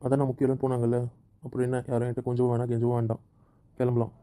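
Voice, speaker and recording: Sulky husband in a couple skit, talks super fast, dark mellow voice, keeps repeating himself, played by a man. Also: medium pitch, completely flat delivery, close to an everyday voice. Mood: sulking. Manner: sulky, repetitive, stubborn. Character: sulking, hurt husband. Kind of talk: scripted family skit.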